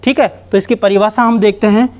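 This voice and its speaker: A man teaching a grammar lesson, explaining slowly and repeating himself with many restarts. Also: high-pitched, steady tone, a little mellow. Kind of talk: Hindi grammar lesson at a board.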